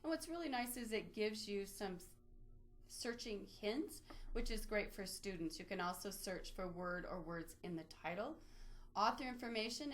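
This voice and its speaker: Walking viewers through an on-screen demo step by step, this woman presents a how-to webinar. Her voice is medium-pitched with a fairly bright tone.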